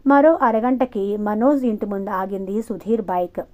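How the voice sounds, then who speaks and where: A woman storyteller narrating an audiobook novel with a steady, expressive reading. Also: mid-range voice, moderate pace. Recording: muffled lo-fi recording.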